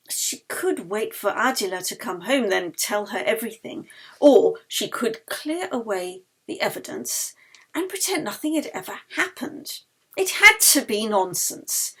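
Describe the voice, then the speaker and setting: A woman reads her own novel aloud as an expressive audiobook, her husky, breathy voice pitched a little high. Her delivery is dramatic, with phrase endings sinking to a hush.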